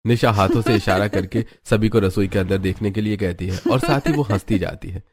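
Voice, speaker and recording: A man narrating a family drama story in an even, storytelling way. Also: on the low side, brisk.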